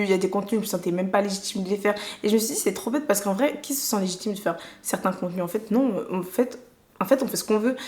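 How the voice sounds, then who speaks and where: A young woman from France chatting casually to camera as a vlogger, slangy and full of restarts. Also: mid-range voice. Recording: echoey room.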